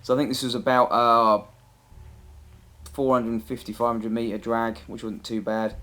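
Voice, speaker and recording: Narrating his own amateur hunting clip, a man speaks in a mid-range voice that's flat yet bright and forceful, taking his time. The tone is plain and conversational, set against background music.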